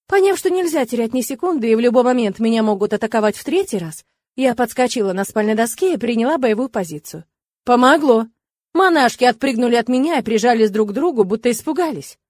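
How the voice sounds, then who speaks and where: A young woman tells a first-person fantasy tale in a lively, wry voice. Her voice is on the high side and sounds dry and close, with no room around it. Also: fast, no room sound. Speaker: audiobook narrator.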